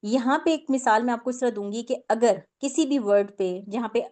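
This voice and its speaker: A woman's voice: a little high, dark tone. Patient woman teaching Quran recitation. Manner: patient step-by-step explaining, many fillers, English words mixed in. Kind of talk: tajweed lesson.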